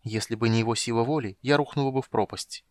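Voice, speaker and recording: A man's voice: mid-range voice, fast, no echo, lightly acted. A man voicing a self-reproaching young priestess. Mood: reflective. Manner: quiet inner reflection.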